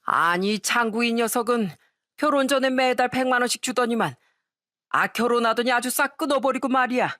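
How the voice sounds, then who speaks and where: A woman's voice: on the high side, moderate pace, fairly bright tone, dry recording, clean studio sound, natural voice. A woman playing a drunk, scolding old father-in-law. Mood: tipsy grumbling. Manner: slurred, rambling, scolding. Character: drunk, blunt older father-in-law, gruff. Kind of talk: storytelling radio voice acting.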